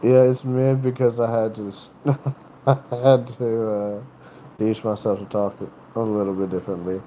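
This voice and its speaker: The recording is muffled with a little hiss or hum, and the man's fairly low, dark voice stays level. He's a North Carolina livestream host with a Southern accent who chats casually, rambling haltingly with many restarts.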